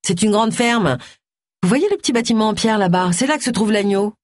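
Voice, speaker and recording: A reader voicing a sneering young villain. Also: male voice, high-pitched, expressive, brisk, dry recording, clean studio sound, pitched above the performer's own voice. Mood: eager. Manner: taunting, shouting threats. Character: young hostile farmer's son, menacing schemer.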